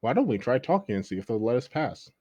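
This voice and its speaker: A man's voice: mid-range voice, big pitch swings, fast, mellow, slightly rough, no room sound. A man playing a tabletop game over voice chat, practical and a bit hesitant, trailing off mid-thought. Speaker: player. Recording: dull lo-fi voice chat audio.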